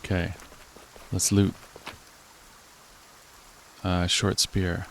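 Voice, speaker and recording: A let's play host with a very low, gravelly voice full of rough fry gives casual commentary on his video game session. He reads menus and dialogue aloud and reasons through each choice, speaking in a monotone at an extremely slow pace over slight background noise.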